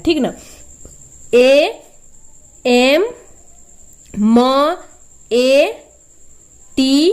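A woman with a high voice gives a patient, step-by-step spelling lesson. She speaks slowly, repeating each sound and answering her own questions as she goes. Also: darkish tone. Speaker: teacher.

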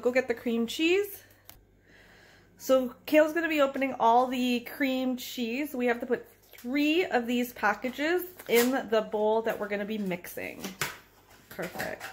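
A woman filming and narrating a home cooking video in a kitchen, giving encouraging step-by-step guidance and praise. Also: a little high. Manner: encouraging, repeats praise between steps.

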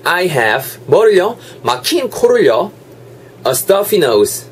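Young man, fairly high voice, very lively pitch, energetic English teacher, repeats phrases as drills. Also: very slow, a little hiss or hum. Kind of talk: online English lesson.

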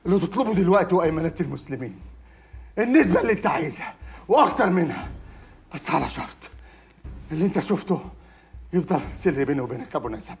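An actor playing a sly brother-in-law caught out over drugs, pleading and blustering in Egyptian Arabic. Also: male voice, on the high side, big pitch swings, quick pace, creaky, long pauses. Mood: wheedling. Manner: pleading, wheedling, then blustering. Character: sly male brother-in-law, drug dealer. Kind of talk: film drama acting.

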